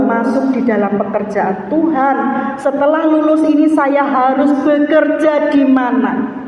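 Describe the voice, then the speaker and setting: A middle-aged woman gives a church testimony, her voice climbing high and nearly breaking into shouts when she grows emotional. She sounds distant from the microphone and muffled. The sound carries a heavy, long echo through a large church hall. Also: a little hiss or hum. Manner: animated, pitch leaping high at emotional peaks, nearly shouting. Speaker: pastor's wife giving testimony. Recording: echoey dull hall recording from far off.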